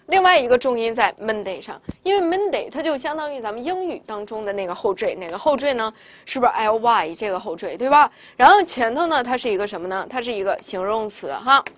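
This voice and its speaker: A woman's voice: fairly high pitch, animated, brisk, hardly any pauses, fairly bright tone. A woman teaching Spanish vocabulary in a recorded lesson, explaining step by step with many rhetorical questions.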